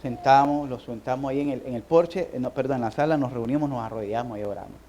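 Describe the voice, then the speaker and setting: A man, a pastor preaching a sermon, moving from quiet personal storytelling to emphatic appeals. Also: medium pitch, fast talker, a little hiss or hum, poor audio. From Nicaragua. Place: church sanctuary.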